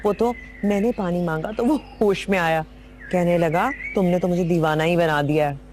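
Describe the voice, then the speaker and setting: An actress as a coquettish, gushing young bride. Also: female voice, on the low side, moderate pace, a little mellow, slight background noise, close to an everyday voice. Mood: gossipy. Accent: Pakistani Urdu. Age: young adult. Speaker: new bride. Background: background music.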